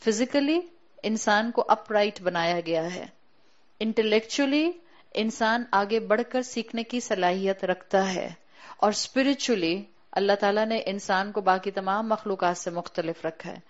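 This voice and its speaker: A woman giving a religious lecture to a women's class as a Quran teacher, explaining patiently, slowing down to stress key words and mixing in English terms. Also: medium pitch, lo-fi sound.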